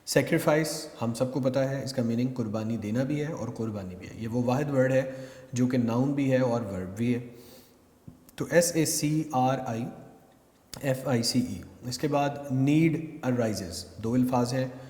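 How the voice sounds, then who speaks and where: A man's voice: mid-range voice, unhurried, a little mellow. A man with a Pakistani accent teaching a class, spelling out words letter by letter and explaining them in Urdu. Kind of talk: recorded classroom lecture. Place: classroom with whiteboard. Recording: echoey room with long reverb.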